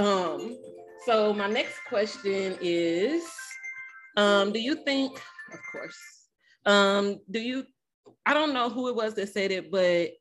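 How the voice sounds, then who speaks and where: A woman's voice: medium pitch, low-quality recording. A talkative, outgoing woman from Arkansas with an Arkansas accent, hosting a casual discussion and telling stories. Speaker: host.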